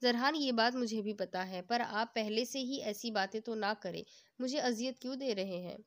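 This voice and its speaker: A touchy, affectionate young wife who pouts and frets, read by a woman storyteller. Her voice is a little high and plainly the reader's own. The lines are emotional and sulky, as in a romance read aloud. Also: normal speed, close to an everyday voice. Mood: pouting, emotional. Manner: pouting, emotional.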